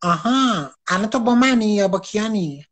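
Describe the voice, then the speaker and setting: A woman's voice: mid-range voice, expressive. Teasing woman on a live stream. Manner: teasing, taunting.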